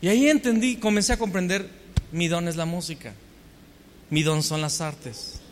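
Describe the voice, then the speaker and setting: A man's voice: sits high, moderate pace, a little hiss or hum. A man with a Mexican accent preaching a storytelling sermon, full of rhetorical questions and self-mocking humor. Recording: long hall reverb.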